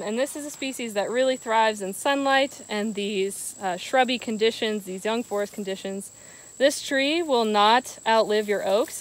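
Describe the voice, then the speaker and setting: A woman in her thirties, a wildlife biologist, explaining forest habitat outdoors in a steady, explanatory way, with a clip-on mic. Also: medium pitch, low-quality recording. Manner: steady, explanatory, walking and pointing at plants. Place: forest clearing and woodland, outdoors.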